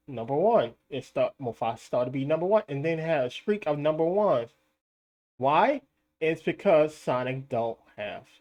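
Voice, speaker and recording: This is a live streamer talking through box office figures in an argumentative, insistent way. They keep repeating their points and throw rhetorical questions at doubters, and they sometimes laugh at the doubters while they do it. The voice sits at an ordinary middle pitch. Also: darkish tone. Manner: mocking, laughs at critics.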